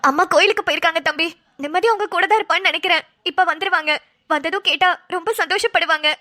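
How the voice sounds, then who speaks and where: A woman's voice: extremely high pitch, fast, pushed and bright, no room sound, studio quality. A woman voicing a practical sister-in-law in a cartoon who nags and scolds in exasperation. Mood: coaxing. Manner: nagging, exasperated. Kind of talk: cartoon voice acting.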